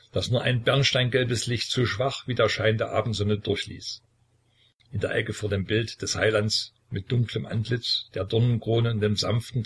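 Male narrator, low and husky, measured dramatic read. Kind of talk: scripted audiobook narration.

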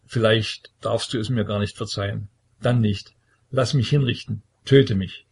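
A man voicing a frightened, pleading young tsarevich, reading him a little raised and earnest in a husky, creaky voice. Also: lowish voice, fairly even intonation, unhurried, full character voice.

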